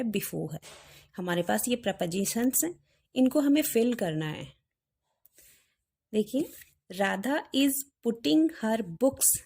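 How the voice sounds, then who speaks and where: A woman's voice: on the high side, darkish tone. Patient woman teaching English grammar. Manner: patient, explains step by step with rhetorical questions. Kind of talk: explaining a workbook exercise.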